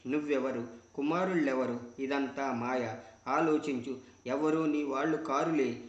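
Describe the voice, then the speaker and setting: A man voicing a kindly old male sage who calmly consoles a grieving woman, in a roomy, dull recording. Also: medium pitch, a little slow, lightly acted. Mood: consoling.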